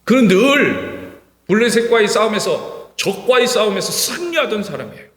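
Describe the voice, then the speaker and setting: A male pastor preaching an impassioned sermon in a church, repeating words for emphasis and swinging from hushed to shouting. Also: sits high, sing-song, moderate pace. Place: church sanctuary. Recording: reverberant church hall.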